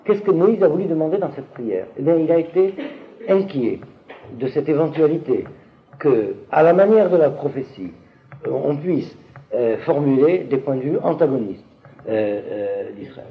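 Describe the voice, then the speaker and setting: A man teaching a class on biblical texts, hesitating and restarting, often asking the listeners whether it is clear. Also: a little high, animated, normal speed, highs cut off.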